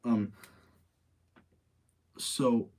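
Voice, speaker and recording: In a mellow, mid-range voice with a steady tone, this movie-reviewing livestream host speaks very slowly. He chats casually and rambles through opinionated takes, circling back to repeat points for emphasis.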